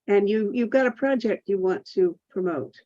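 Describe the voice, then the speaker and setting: A woman's voice: mid-range voice, moderate pace, warm tone, no room sound. A woman hosting and moderating a group video call, speaking hesitantly with restarts and fillers. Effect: video call audio. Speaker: host, moderator. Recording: dull lo-fi video call audio.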